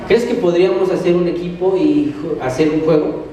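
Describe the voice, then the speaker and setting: Echoey, high-voiced Mexican preacher. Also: male voice, moderate pace, warm tone. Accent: Mexican Spanish. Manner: asks the congregation questions and answers them. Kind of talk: sermon. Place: church hall. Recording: very echoey hall, mic at a distance.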